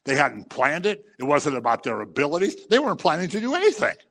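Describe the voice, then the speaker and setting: A man delivers a sermon in an easy, conversational tone. He preaches with animation and slips into quick acted voices for the people in the passage he explains. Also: fairly high pitch, big pitch swings, a bit bright. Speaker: pastor.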